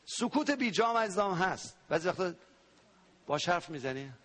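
Male pastor, born in Iran, higher register, animated pulpit delivery with loud outbursts. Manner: animated preaching, sound effects and sudden loud cries. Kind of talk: sermon.

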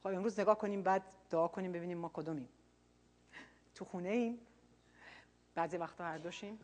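Earnest woman preacher, husky voice. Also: fairly low pitch. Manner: earnest, swinging between quiet reflection and loud emphasis. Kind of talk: sermon.

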